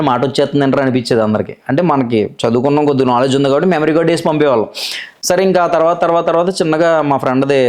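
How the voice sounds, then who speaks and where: Godavari accent guy, voice-over artist, rattles through his story really fast, sure of himself. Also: medium pitch, a little mellow. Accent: Godavari Telugu. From Godavari region, Andhra Pradesh, India. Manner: brisk, chatty, self-assured. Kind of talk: casual interview storytelling.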